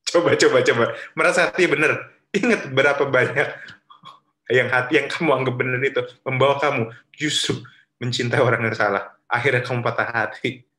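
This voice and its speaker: A youth pastor with an Indonesian accent gives a casual, chatty sermon in an echoey church room, often questioning his listeners and slipping in English phrases. His voice is medium-pitched, pushed and bright, at a moderate pace.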